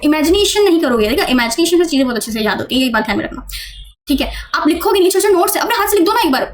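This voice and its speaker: A woman teaching an exam-prep lesson in a casual, chatty way, often checking in with the listener and asking questions. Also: sits high. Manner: chatty, repeats "theek hai" often, asks the viewer questions.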